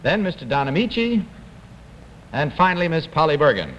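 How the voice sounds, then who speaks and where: A man's voice: a little high, very animated, moderate pace. A man hosting a 1960s television panel show, announcing and reading aloud in a formal, courteous manner. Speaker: game show host. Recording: dull vintage TV audio, faint noise.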